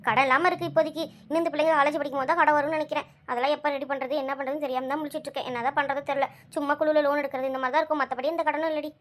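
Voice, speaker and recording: A woman voicing a worried village mother of two who talks in a brisk, chatty, bossy way. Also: high voice, fairly bright tone.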